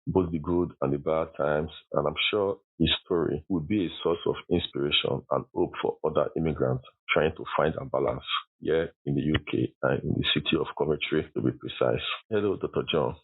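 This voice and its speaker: Low-voiced podcast host, formal delivery. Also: male voice, fairly quick, vocal fry, husky. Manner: formal, reads a prepared introduction. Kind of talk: scripted introduction and interview questions. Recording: muffled lo-fi sound.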